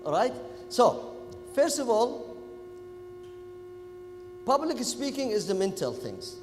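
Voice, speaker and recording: A man from Kuwait with a Gulf Arabic accent, a native Arabic speaker, giving an animated, informal interactive lecture to students and often checking in with them. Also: very high voice, slow, background noise. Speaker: public speaking workshop lecturer. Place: echoey event hall. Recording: echoey hall, music in the background.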